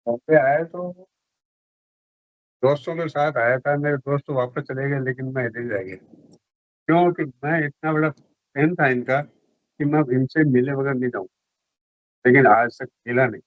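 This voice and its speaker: Brief: man from Rajasthan, chatty fan guest, mid pitch, dry lo-fi recording. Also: moderate pace, pauses often, dry recording. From Rajasthan, India. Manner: eager fan, slips into film star impressions. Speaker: interview guest, celebrity lookalike fan. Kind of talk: casual interview chat.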